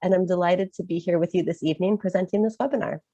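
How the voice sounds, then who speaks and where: A study-abroad advisor in her thirties from Chicago, USA, presents an informational webinar while getting over a cold, saying "um" often. She has an American accent and a low-leaning, mellow voice, and she talks fast. There's no echo, but the audio is dull.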